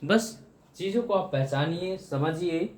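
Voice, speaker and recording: A man's voice: a little high, animated, slow pace. Echoey male Hindi grammar teacher. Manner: repeats terms, addresses students as friends. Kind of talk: Hindi exam-prep grammar lesson.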